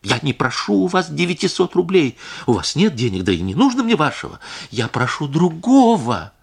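A man's voice: on the high side, big pitch swings, moderate pace, gravelly, slightly rough, voice pushed up, exaggerated voice. A male audiobook reader voicing a distraught, indignant noblewoman who pleads and accuses by turns. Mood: pleading. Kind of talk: audiobook character reading.

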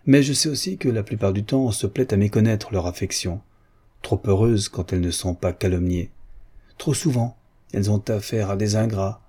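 A man's voice: fairly low pitch, moderate pace, warm tone, breathy edge. A man voicing a proud, hurt young woman in disguise. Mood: reproachful. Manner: pleading, reproachful.

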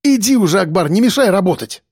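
A man's voice: sits high, lively intonation, quick pace, darkish tone, husky, dry recording, studio quality, pitched above the performer's own voice, full character voice. A man voicing a lazy, dismissive male police desk officer. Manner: dismissive, grumbling.

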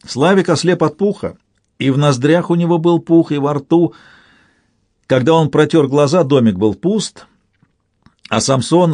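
A man narrating a literary audiobook in a steady, expressive storytelling manner. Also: medium pitch, dry recording, studio quality.

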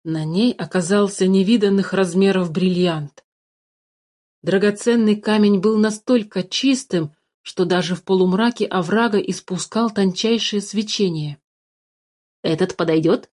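A woman reading a fairy tale aloud as narrator, measured and expressive. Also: medium pitch. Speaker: storyteller. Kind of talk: storybook narration.

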